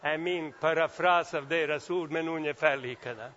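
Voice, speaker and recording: Guy preaching, high voice, gets loud then goes quiet, kinda muffled sound. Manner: animated, swings from loud exclamations to quiet asides. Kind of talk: sermon.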